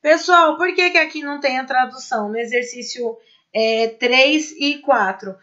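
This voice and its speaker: High-pitched Brazilian language teacher. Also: female voice, bright, forceful tone, dull audio. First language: Portuguese. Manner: explains patiently, checks in with "certo?" and "né?"; reads example words slowly and deliberately. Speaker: Spanish teacher. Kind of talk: recorded online class explanation.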